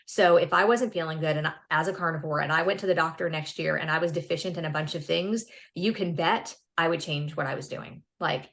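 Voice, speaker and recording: A woman's voice: sits low, fairly quick, gravelly, hardly any pauses, a bit bright. A woman in her fifties, a podcast guest, talking earnestly and upbeat in a casual interview, often restarting words. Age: 50s.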